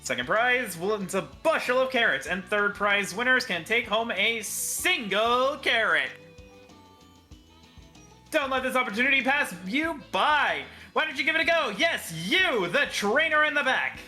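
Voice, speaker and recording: Booming, high-pitched raffle prize announcer. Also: female voice, expressive, unhurried, sharp tone, faint music behind. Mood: excited hawking. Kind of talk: video game voice acting.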